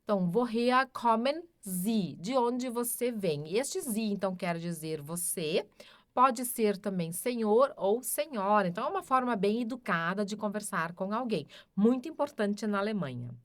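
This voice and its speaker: A woman with a Brazilian Portuguese accent teaching a grammar lesson, patiently repeating each example sentence slowly. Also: medium pitch, animated, no room sound, studio quality. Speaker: German teacher.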